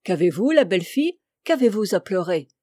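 A sneering little yellow dwarf, spiteful and scornful, out of an old fairy tale, as a woman reads him aloud. His voice stays mellow and close, pushed a touch higher and louder than plain narration. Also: sing-song, a little fast, dry recording. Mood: wheedling.

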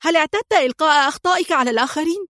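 A woman's voice: expressive, fairly quick, no echo, studio quality. Woman doing a fierce scheming accomplice. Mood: angry. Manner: shrill, angry.

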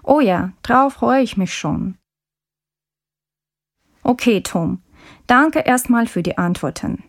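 A woman's voice: on the high side, expressive, slow, long pauses, exaggerated voice. A woman playing a polite, curious course student. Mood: friendly, curious. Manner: polite, clear, careful diction. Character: friendly woman course student interviewing a classmate. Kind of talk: scripted textbook dialogue.

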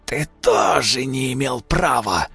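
A man voicing a vengeful ghostly voice of the buried dead, slow, menacing and sneering. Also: mid-range voice, animated, gravelly, a bit bright, breathy edge, no room sound, faint music behind, voice pushed up, exaggerated voice. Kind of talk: audiobook character voice.

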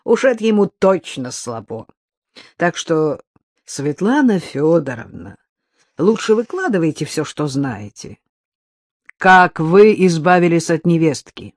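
A narrator voicing a bold young woman who mocks and accuses loudly. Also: low voice, very animated, unhurried, dry recording, clean studio sound, full character voice. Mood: mocking. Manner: mocking, accusing, loud. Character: bold mocking young woman, fierce and defiant. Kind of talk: audiobook character voice.

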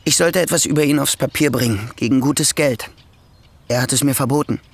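Sullen and brooding, an actor voices a resentful young nephew in a radio play, a man weighed down by debt and hating his prospects. His mid-range voice is brisk and gravelly, with a breathy edge.

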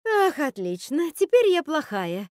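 A woman's voice: fairly high pitch, lively intonation, normal speed, a little mellow, dry recording, clean studio sound, lightly acted. A woman voicing a theatrical witch mother who speaks in a syrupy, sing-song, melodramatic way. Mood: shrieking. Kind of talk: audiobook character voice.

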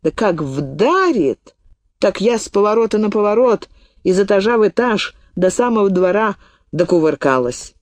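A woman's voice: medium pitch, moderate pace, dry recording, natural voice. A woman reading an audiobook, voicing a shrewd, talkative old woman peddler who tells her tale in a folksy, indignant way. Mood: indignant storytelling. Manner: folksy storytelling, lively and indignant.

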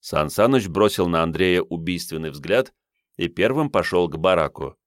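A man narrating an audiobook in a steady, measured reading. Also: low voice, no room sound, studio quality. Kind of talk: scripted narration.

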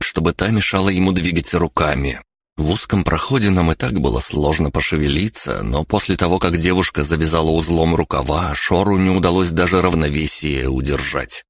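A man narrates a first-person audiobook in a steady, measured reading. His voice is very low and husky. The recording is dry and close, with no room sound. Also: dry recording.

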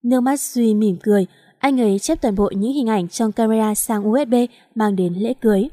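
A woman narrating a romance novel with steady, dramatic storytelling. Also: fairly high pitch, fairly quick, no room sound, studio quality.

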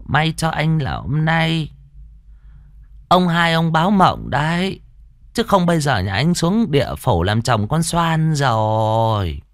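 A man voicing a stern, knowing old great-grandmother who speaks firmly and slowly. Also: on the high side, sing-song, dry recording, studio quality, pitched above the performer's own voice, full character voice. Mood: stern, reassuring. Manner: firm, reassuring, slow.

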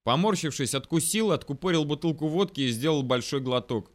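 A man narrating a military story in the first person for an audiobook, brisk and vivid. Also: fairly high pitch, animated.

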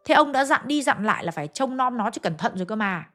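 Blunt stern old village shaman, woman doing the voice, higher-pitched. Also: sing-song, quick pace, a bit bright, soft background music. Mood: scolding. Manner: gruff, blunt scolding.

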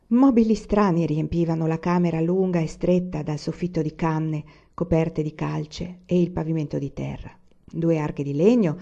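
Low-voiced woman reading a novel. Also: dark tone, highs cut off. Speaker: audiobook reader. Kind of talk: literary audiobook narration.

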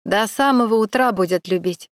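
A woman's voice: mid-range voice, moderate pace, no room sound, clean studio sound, natural voice. A woman voicing a second tipsy young male thug who eggs his friend on in a leering voice.

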